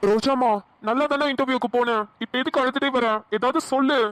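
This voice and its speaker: Caring young boyfriend, Namakkal Tamil accent, high bright tone. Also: female voice, brisk, dry recording. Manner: soft, concerned. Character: gentle caring young male lover.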